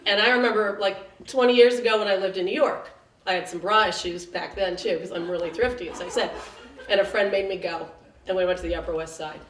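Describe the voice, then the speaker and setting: A woman in her late forties tells a chatty, self-mocking story on stage. The mic is some way off in a roomy space, with steady noise behind her. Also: mid-range voice, a little fast. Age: late 40s. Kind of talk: live comic storytelling. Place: theater stage before an audience. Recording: roomy, distant, noisy live room.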